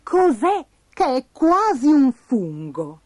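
A woman voicing an eager, excitable young boy character in a storybook reading. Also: high voice, takes it slowly, dry recording, clean studio sound, voice pushed up, exaggerated voice.

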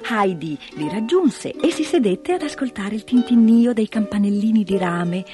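A woman narrating a children's storybook with lively, expressive delivery. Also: mid-range voice, normal speed. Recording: dry close mic, soft music behind.

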